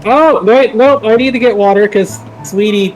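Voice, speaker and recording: A man with a slightly high voice chats casually as a player, easily sidetracked mid-conversation. Music plays clearly in the background. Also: normal speed, poor audio. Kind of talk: casual tabletop game chat.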